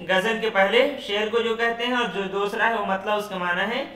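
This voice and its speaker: A man teaching Urdu poetry in an online class, explaining slowly, repeating terms and quizzing students by name. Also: high-pitched, fairly even intonation, pushed and bright, roomy sound, distant mic, rough recording. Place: room at home, online class.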